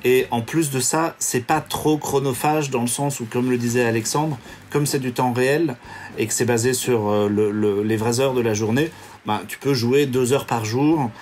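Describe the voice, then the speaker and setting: A man's voice: medium pitch, moderate pace, a little mellow, a little hiss or hum. A man co-hosting a podcast, chatting casually and explaining eagerly over a remote call. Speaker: podcast co-host. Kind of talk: casual chat.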